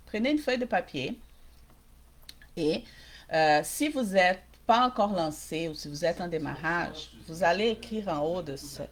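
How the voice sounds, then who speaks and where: A woman with a mixed Québécois and Brazilian accent, coaching small-business owners in a casual live-stream workshop and often checking in with viewers. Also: medium pitch. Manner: direct, addresses viewers, checks in with "ok?".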